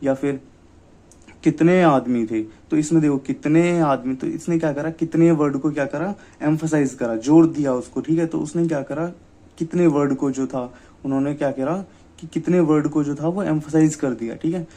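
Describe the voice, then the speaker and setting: Young male teacher, exam-prep lecture, mellow dark tone, rhetorical questions. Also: on the high side, steady tone. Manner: repeats "ठीक है" and rhetorical questions; reads English definitions slowly.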